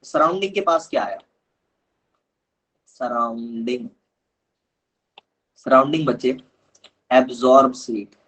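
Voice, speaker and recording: A man's voice: medium pitch, a bit bright, husky, low-quality recording. A man teaching a live online chemistry lesson, patiently explaining step by step and calling his students kids.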